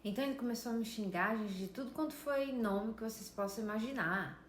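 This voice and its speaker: A woman near fifty with a Brazilian Portuguese accent tells her viewers a story. She speaks emphatically in a slightly high voice and keeps turning to address them directly. The room is echoey, with faint ambient noise behind her. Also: brisk. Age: around 50. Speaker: vlogger.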